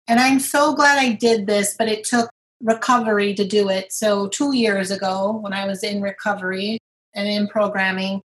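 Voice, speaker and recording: A woman's voice: medium pitch, normal speed, rough recording. A middle-aged woman, a guest on an interview, speaking candidly and earnestly about her own experiences. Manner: earnest, retelling scenes with lively quoted voices. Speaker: guest sharing her recovery story. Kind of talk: candid personal storytelling.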